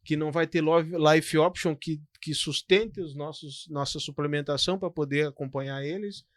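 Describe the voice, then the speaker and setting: A man, co-hosting a pastoral podcast in a casual, animated storytelling way. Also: fairly high pitch, normal speed, no room sound, studio quality. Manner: animated, storytelling, frequent "cara" and "tu". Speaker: podcast co-host.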